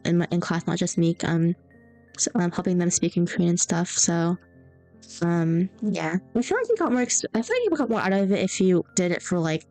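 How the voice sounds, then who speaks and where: A young adult woman streams while drawing, chatting casually and rambling through stories. Her voice is lowish with a darkish tone. The recording is rough, with faint music in the background.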